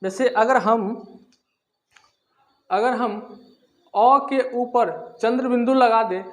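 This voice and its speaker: High-voiced man teaching a grammar lesson. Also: slow pace. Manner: repetitive, asks and answers own questions. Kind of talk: classroom-style lesson explaining grammar.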